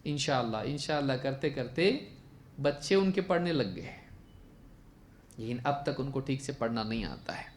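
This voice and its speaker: A man teaching a religious lesson as an Islamic scholar. He keeps asking rhetorical questions and answering them himself, and recites Arabic phrases slowly to contrast letter sounds. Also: mid-range voice, animated, a little hiss or hum.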